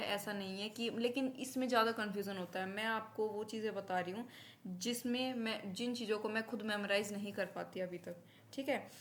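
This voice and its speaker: A woman records a beginner German lesson, steadily recapping the alphabet and numbers and sounding each out. Her voice holds a narrow, level pitch. A faint noise sits behind the recording. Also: fairly bright tone. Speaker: German language teacher. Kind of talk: recorded lecture.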